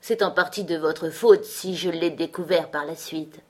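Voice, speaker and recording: A woman reading the part of a sober male gentleman in an audiobook, speaking in a measured, dry way. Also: deep voice. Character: man, a sober gentleman stroller.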